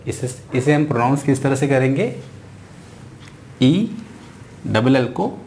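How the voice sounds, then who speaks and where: Indian male tutor, unhurried phonics drill, mid-pitched, says each word twice. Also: expressive, darkish tone, slight background noise. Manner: spells sounds out slowly, repeating each word. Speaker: English teacher. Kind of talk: slow phonics lesson.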